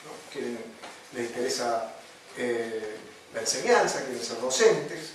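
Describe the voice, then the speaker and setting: A man's voice: mid-range voice, animated, a little slow. A man with a Rioplatense Spanish accent, a pastor giving a chaplaincy lesson in a conversational sermon style, often tagging his sentences with "¿no?". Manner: conversational, frequent "¿no?" tags and fillers. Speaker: pastor teaching a chaplaincy course. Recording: echoey room from far off, faint noise.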